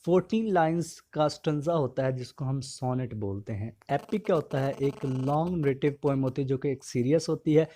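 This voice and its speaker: A man giving an exam-prep literature lecture, asking a question and then answering it in a steady, explanatory way. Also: medium pitch, moderate pace, few pauses, slight background noise. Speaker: English literature teacher.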